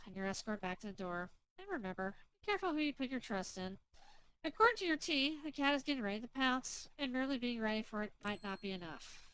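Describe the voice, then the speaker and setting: A woman reading the narration of a story game aloud in a measured, storytelling way. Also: a little high, a bit bright, clean tone.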